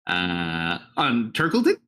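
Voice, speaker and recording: A man's voice: low voice, wildly swooping pitch, slow pace, fairly bright tone. A man acting as game master, casually improvising narration and talking with his players.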